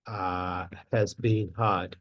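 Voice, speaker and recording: A man teaching Pali grammar in a slow lesson, counting syllables aloud one at a time with many pauses and fillers. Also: deep voice, fairly even intonation, no echo, lo-fi sound.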